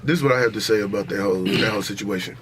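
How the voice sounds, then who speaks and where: With a crowd audible behind him, this American podcaster fires off his opinions rapidly in a lowish voice. He's casual and emphatic, leaning on slang and profanity and circling back to the same points.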